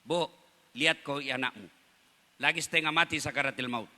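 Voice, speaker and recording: Man doing a calm, commanding holy man. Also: fairly high pitch, moderate pace, big-room sound. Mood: calm, gentle. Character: calm, patient male prophet giving commands.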